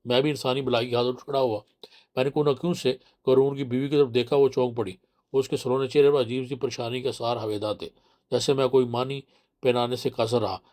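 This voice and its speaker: A man narrating a horror novel in a steady, measured reading voice. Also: mid-range voice.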